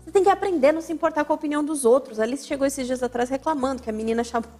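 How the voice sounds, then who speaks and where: High-voiced woman teaching on a radio show. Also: rapid-fire, darkish tone, faint music behind. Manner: didactic, emphatic, repeats key words for stress. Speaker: radio show host and family counselor. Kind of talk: radio talk on family life. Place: radio studio.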